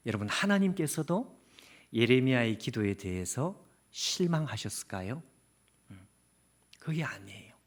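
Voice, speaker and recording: A man preaching a revival sermon as a pastor, earnest and questioning the congregation directly, sometimes dropping to a hushed near-whisper. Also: on the high side. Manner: speaks Jeremiah's prayer as his own, dropping to a hushed near-whisper. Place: church sanctuary.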